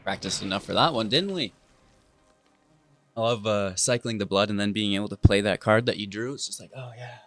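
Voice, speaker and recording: A man's voice: lowish voice, fairly quick, fairly bright tone. A man giving casual, playful commentary over his own card game, teasing his opponent as he plays. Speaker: gaming video host.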